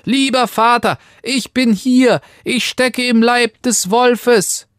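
A man voicing a tiny, plucky boy hero who calls out loudly in a high voice. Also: fairly even intonation, slow pace, dry recording, clean studio sound, exaggerated voice. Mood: crying out. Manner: high, loud, pleading calls.

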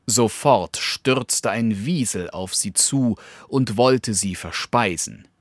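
A man narrating a fable in a slow, measured storytelling voice. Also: fairly low pitch, no room sound. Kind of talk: scripted fable reading.

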